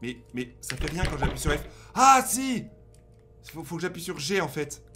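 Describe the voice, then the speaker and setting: A young man playing a horror game and commenting excitedly to his viewers, reading the game's prompts aloud. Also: on the high side, moderate pace, music in the background. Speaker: gaming YouTuber. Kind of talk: let's play commentary.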